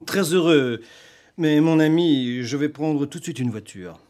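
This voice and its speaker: An actor playing a flustered, jealous middle-aged husband in a fur coat, agitated and stammering in a radio drama. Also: male voice, on the high side, a little slow, darkish tone, close to an everyday voice. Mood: awkward.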